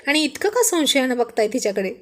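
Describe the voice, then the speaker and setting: A woman reading the lines of a shy young wife in a storybook, gently scolding and amused. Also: sits high, very animated, brisk, heavily acted.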